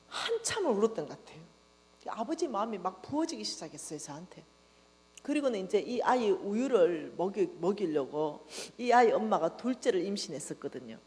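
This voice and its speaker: A woman preaching a revival testimony, her pitch swinging widely as she tells her story with animated energy. Her voice carries through a church hall with a long reverb tail and a faint mains hum underneath. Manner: animated storytelling, acting out her own past outbursts. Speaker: revival speaker. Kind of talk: sermon testimony.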